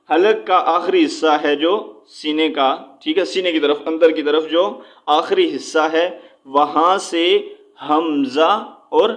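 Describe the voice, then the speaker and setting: Brief: male recitation tutor, slightly higher pitch, repetitive and patient, drawn-out demonstrations. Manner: repeats points, checks in with frequent "okay"; slows right down to demonstrate sounds. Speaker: Quran recitation teacher. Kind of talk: spoken lesson.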